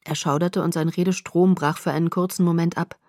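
A woman narrating a first-person audiobook in a calm, measured way. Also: lowish voice, dry recording, studio quality.

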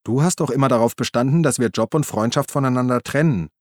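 A man's voice: medium pitch, quick pace, darkish tone, no echo, clean studio sound, close to an everyday voice. A man voicing a pushy, apologetic male journalist friend in an audiobook, eager and coaxing. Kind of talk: audiobook reading.

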